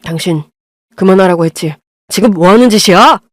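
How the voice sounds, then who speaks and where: A woman's voice: mid-range voice, a little fast, dry recording, studio quality, lightly acted. A woman voicing a stern husband who cuts his wife off curtly. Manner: curt, stern. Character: angry husband, curt and low.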